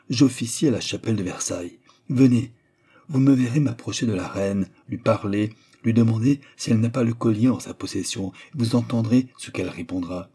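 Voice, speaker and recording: A man's voice: mid-range voice, dark tone, slightly rough. A man doing a haughty old cardinal. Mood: angry. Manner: imperious, lofty. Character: haughty, indignant older male cardinal-prince.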